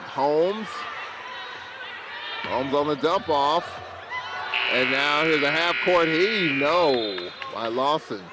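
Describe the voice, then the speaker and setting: Man, basketball play-by-play announcer, unhurried delivery, slightly high voice, loud crowd behind. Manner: excited calls on big plays. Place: college basketball arena. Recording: crowd and arena noise behind.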